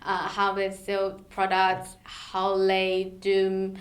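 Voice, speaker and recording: A woman answers interview questions in a measured, careful way, pausing with small fillers as she builds her sentences. Her voice sits at an ordinary middle pitch. The room around her is noticeably reverberant. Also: monotone. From Taiwan. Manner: measured, halting non-native phrasing with fillers. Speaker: startup co-founder, guest. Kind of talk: interview conversation.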